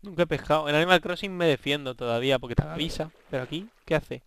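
Bright, excitable Spanish gamer man. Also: fairly high pitch, fast talker, smooth. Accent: Spain Spanish. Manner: excitable, swearing, bantering with game characters. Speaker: gaming video host. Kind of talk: let's play commentary.

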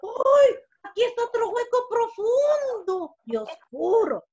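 A woman's voice: sing-song, a little slow, lo-fi sound, heavily acted. A woman voicing a curious, chatty little fly that gasps and exclaims with wonder as it explores a face. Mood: excited. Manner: exclaims with wonder, high squeals.

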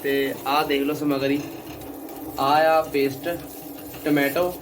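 A man's voice: medium pitch, level tone, slow pace, noisy background. A man with a Punjabi accent giving casual, exclamatory running commentary for his vlog. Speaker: vlogger.

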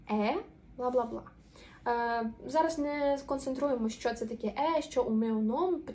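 A woman teaching a language lesson, explaining patiently and drawing out example words slowly. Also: high-pitched, mellow.

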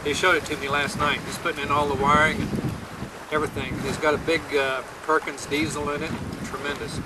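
An older man chatting casually in a home video aboard a sailboat, relaxed and halting with fillers. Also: a little high. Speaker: boat owner filming a home video. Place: outdoors on a sailboat on a lake. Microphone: camcorder microphone. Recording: camcorder audio with heavy wind noise. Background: loud wind on the microphone.

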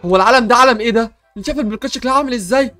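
A man's voice: extremely high pitch, rapid-fire, sharp tone, faint music behind. A young man with an Egyptian Arabic accent, hosting an improvised game role-play with comic panic and bluster.

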